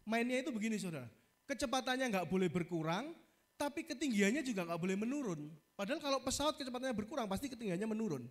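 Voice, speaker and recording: A male pastor with an East Javanese accent preaching a sermon, telling a story in a lively way and often calling out to the congregation. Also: sits high, quick pace.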